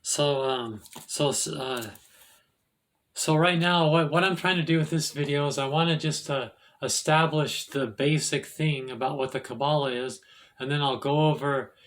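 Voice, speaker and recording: A man hosting his own video, casually explaining in a rambling, halting way, restarting sentences and correcting himself. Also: on the high side, fairly even intonation, fairly bright tone. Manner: self-correcting, laughs at own slips. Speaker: occult video host.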